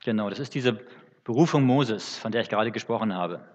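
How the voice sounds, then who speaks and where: Husky male preacher, halting teaching sermon, booming church reverb, muffled lo-fi sound. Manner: unscripted, halting with fillers and restarts. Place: church hall.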